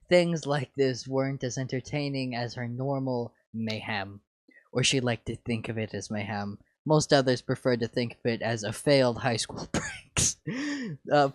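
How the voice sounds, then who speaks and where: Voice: mid-range voice, moderate pace, no echo, studio quality. A reader casually reading fan fiction aloud, often giggling between words. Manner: giggly, breaking into laughs.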